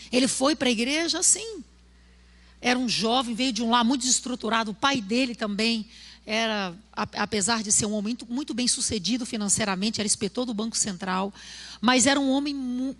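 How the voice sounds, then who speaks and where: Brazilian woman pastor preaching in church. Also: a little high. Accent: Brazilian Portuguese. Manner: storytelling, acting out quotes, swings to shouting. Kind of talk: sermon. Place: church service.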